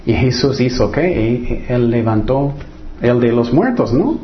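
A man's voice: medium pitch, lively intonation, unhurried, dull audio, slight background noise. A man preaching a sermon and reading from the Bible. He often restarts his sentences and throws rhetorical questions at his listeners. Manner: acts out the voices of the people in his stories.

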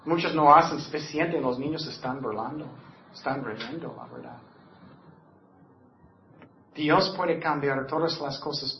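A man delivers a sermon in a notably high voice. He acts out his listeners' complaints, then sinks into hushed reassurance, and his Spanish has non-native phrasing. The recording is roomy and a little dull. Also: slight background noise. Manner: drops to soft, quiet reassurance. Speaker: preacher. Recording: echoey, dull lo-fi room sound.

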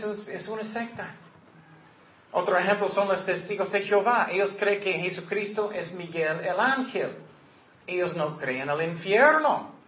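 A man preaching a sermon as a pastor, earnest and direct, sometimes acting out the voices he quotes. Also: sits high. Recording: echoey, dull lo-fi room recording.

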